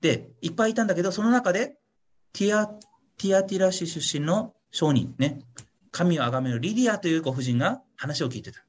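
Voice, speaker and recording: Lively, husky-voiced man preaching casually. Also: high voice, brisk. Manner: chatty, keeps adding a questioning "ne" tag; playful, acts out little voices for examples. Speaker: pastor leading a Bible study. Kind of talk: casual teaching sermon. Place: online meeting with a congregation.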